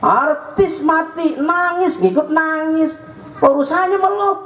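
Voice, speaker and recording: A man preaching a sermon with a Jakarta Betawi accent, joking with the crowd and at times shouting. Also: extremely high pitch, animated, slow. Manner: joking, rising to shouts at points. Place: mosque or prayer hall. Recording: echoey hall with faint hum.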